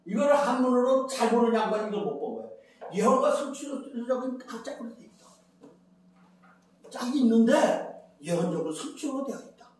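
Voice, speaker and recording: A man's voice: very high-pitched, animated, normal speed, a little mellow. An older man giving a rambling Bible lecture as a preacher, chatty, counting and repeating phrases. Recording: very echoey, from far off the mic.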